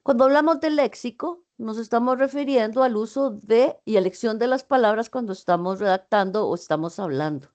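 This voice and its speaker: A woman's voice: on the high side, fairly quick, hardly any pauses, a little mellow, dull audio. A woman in an online class meeting, explaining writing to her students in a patient, explanatory way with frequent fillers and self-corrections. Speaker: university teacher.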